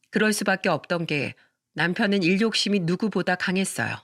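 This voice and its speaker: A woman's voice: medium pitch, fairly bright tone, no echo, clean studio sound. A woman telling a story in the first person in scripted narration, confiding and asking the listener questions.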